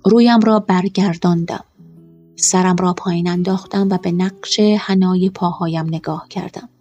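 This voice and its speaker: A woman narrating a first-person story in a quiet, measured way. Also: on the low side, steady tone, dull audio, faint music behind.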